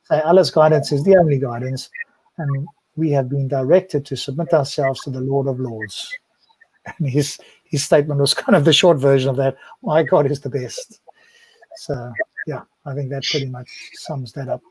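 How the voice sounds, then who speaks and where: A man's voice: mid-range voice, steady tone, moderate pace, darkish tone, husky, no room sound. Dry, close-miked man chatting on a panel show. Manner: chatty, ends points with "right?". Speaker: podcast co-host. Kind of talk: casual panel discussion.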